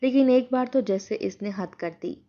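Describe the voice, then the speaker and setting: A woman narrating a first-person moral story in a steady, earnest storytelling tone. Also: on the high side, lo-fi sound.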